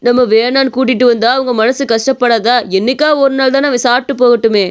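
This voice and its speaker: A woman plays a gentle, indulgent father in a cartoon story. He talks in a soothing, coaxing way, with a high voice. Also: steady tone, fairly quick, clean tone, natural voice.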